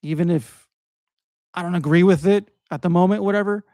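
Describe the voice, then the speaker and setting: A man's voice: high voice, fairly quick, dark tone, no echo. A man in his thirties co-hosting a podcast, speaking in a reflective, hesitant way and often stopping to restart his thoughts. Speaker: podcast co-host. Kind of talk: casual conversation.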